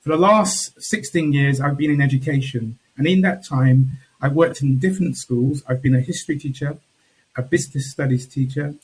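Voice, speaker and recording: A man on a video call, introducing himself as a panellist in a measured way with pauses and restarts. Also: medium pitch, breathy edge, poor audio. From England.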